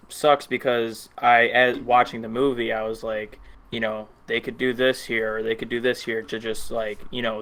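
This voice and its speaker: Flat-toned, hesitant man on a podcast. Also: medium pitch. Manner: hesitant, many fillers like um and you know. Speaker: podcast co-host. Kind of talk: casual film review chat.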